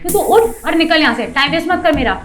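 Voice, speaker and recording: A woman's voice: very high-pitched, expressive, quick pace, over music. A woman playing a rude, haughty office manager in a short skit, talking down and scolding. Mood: scornful. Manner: scolding, bossy, condescending.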